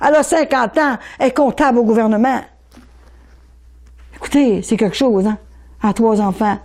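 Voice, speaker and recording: Warm-voiced older Québécois woman. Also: on the high side. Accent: Québécois French. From Quebec. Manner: animated, repeats words, stammers in rushes. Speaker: speaker giving religious testimony. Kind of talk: emotional personal testimony.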